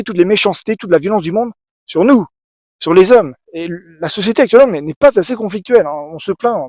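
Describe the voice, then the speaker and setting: A man's voice: high voice, darkish tone, dry recording, studio quality. A man giving a casual opinion monologue to the camera, emphatic and repetitive, with many restarts and asides to the viewer. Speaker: video essayist.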